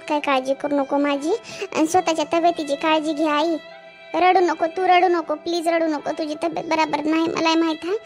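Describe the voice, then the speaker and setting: A woman voicing a tearful young married woman, a new mother, who sobs and pleads, in a cartoon. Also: very high-pitched. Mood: pleading. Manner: sobbing, pleading. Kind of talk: cartoon voice acting.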